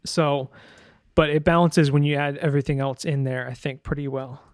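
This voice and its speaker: In a clean, dry studio recording, a man with a fairly high, steady voice walks through an informal sound design tutorial over screen share. He speaks at a moderate pace, hesitantly thinking out loud while he demonstrates.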